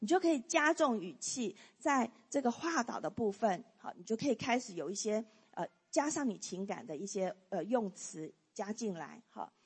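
A woman's voice: on the high side, animated, moderate pace, hardly any pauses, slightly rough. A woman teaching a church class on prayer, leading the group through points and often saying "好" and "哈". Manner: leads group reading, frequent "好" and "哈" fillers. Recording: long hall reverb.

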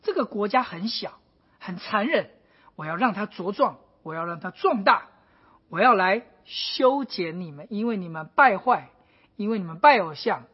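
A woman's voice: medium pitch, animated, moderate pace, breathy edge. A woman preaching a sermon, acting out pleading prayers with dramatic intensity. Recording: dull lo-fi recording.

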